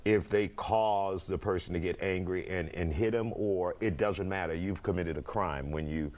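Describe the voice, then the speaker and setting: A man's voice: sits low, moderate pace, a little mellow. A man hosting a broadcast interview show, putting questions to his guests. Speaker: talk show host.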